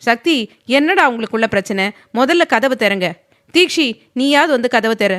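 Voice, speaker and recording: A woman's voice: on the high side, lively intonation, normal speed, a bit bright, voice pushed up. A woman voicing a worried aunt calling urgently through a closed door.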